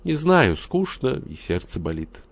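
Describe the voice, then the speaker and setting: A man's voice: medium pitch, sing-song, measured pace, gravelly, no room sound, pitched above the performer's own voice, heavily acted. A man reading a reserved, melancholy man who answers briefly and bitterly. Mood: glum. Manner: terse, glum.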